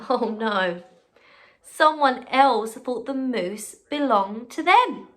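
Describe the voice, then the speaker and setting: Reading slowly from a picture book, this primary teacher uses a slightly high voice and plenty of expression. She encourages her pupils, adds friendly side comments, and keeps asking them questions.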